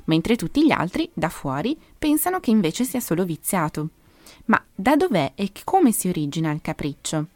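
Calm low-voiced woman explaining parenting. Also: dry recording. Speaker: child development presenter. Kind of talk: informative talk on parenting.

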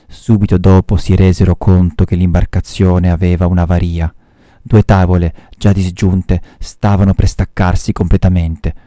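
Deep-voiced male teacher reading a novel aloud, mellow tone, dry sound. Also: no room sound. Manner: measured storytelling with short explanations.

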